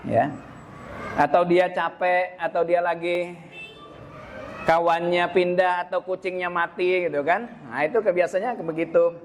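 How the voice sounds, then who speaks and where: A man's voice: high-pitched, fairly even intonation, unhurried, pauses often, a little hiss or hum. A man giving a chatty seminar talk to parents, addressing them directly. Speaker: speaker at a school parenting seminar.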